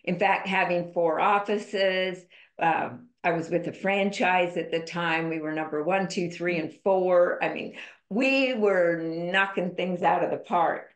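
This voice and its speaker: A woman with a lowish, slightly slow voice is a guest on a podcast, sharing a personal story in an emphatic, candid way. It's a conversational storytelling interview, and the recording has a roomy echo.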